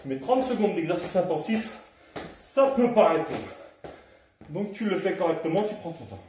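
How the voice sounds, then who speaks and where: A man's voice: high voice, lively intonation, moderate pace, darkish tone, slight background noise. A man teaching a home workout, coaching and encouraging, slightly out of breath as he exercises along. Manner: encouraging, counts down and coaches moves while exercising. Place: room at home. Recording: very echoey room, mic far off.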